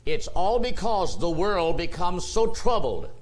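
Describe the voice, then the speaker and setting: A man preaching a sermon as pastor, slow and deliberate, drawing out words for emphasis. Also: high voice, big pitch swings, poor audio. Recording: church sermon tape.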